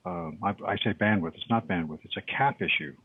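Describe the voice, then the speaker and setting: A man's voice: low-pitched, fairly quick, breathy edge, dry recording. A man calling in over an internet call on a headset, chatting casually and correcting himself as he rambles. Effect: heard over a tinny internet call. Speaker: call-in guest. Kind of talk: casual chat. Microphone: headset on a video-call app. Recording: tinny phone-like call audio.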